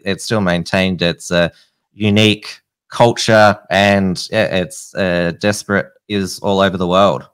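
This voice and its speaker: Deep-voiced Australian man hosting. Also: fairly bright tone, clear, resonant tone, no echo. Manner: halting, many fillers and restarts. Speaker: host. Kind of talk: interview. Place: home studio. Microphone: studio mic on a boom arm.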